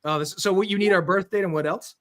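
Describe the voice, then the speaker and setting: A man co-hosting a casual live show over a video call, joking, crude and excitable. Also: high-pitched, quick pace. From Massachusetts, USA. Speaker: co-host.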